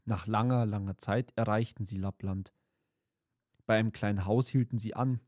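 A man narrating a fairy tale in a calm, measured storytelling manner. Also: on the low side, no echo, clean studio sound.

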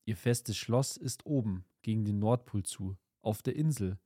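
A man voicing a slow, longing reindeer. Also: fairly low pitch, warm tone, no room sound, studio quality.

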